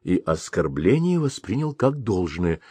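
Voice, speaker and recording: A man narrating an audiobook in an expressive reading style. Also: low-pitched, a little slow, husky, no room sound. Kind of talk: scripted narration.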